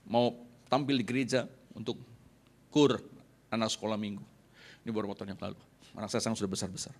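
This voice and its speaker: Animated middle-aged pastor preaching. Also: male voice, medium pitch. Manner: animated preaching, acting out scenes with sound effects. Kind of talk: sermon.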